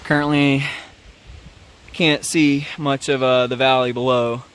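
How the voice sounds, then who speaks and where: A man's voice: mid-range voice, measured pace. Laid-back guy talking a hike on a handheld cam, outdoors, faint background hiss. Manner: relaxed, chatty, many fillers. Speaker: hiking vlogger. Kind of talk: casual narration on a hike. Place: outdoors on a mountain trail.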